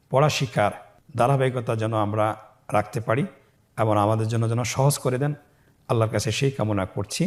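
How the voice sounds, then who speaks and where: Male Quran teacher, mid pitch, patient step-by-step instruction, sounds out syllables in a slow raised chant. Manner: drawn-out, raised chanting when sounding out letters; calm, instructive explaining. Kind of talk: step-by-step spelling lesson.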